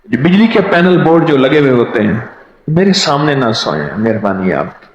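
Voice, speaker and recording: A man's voice: mid-range voice, big pitch swings. A man preaching a sermon through anecdotes, who acts out the other people in his stories. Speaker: spiritual preacher. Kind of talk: storytelling sermon. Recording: echoey hall, dull lo-fi sound.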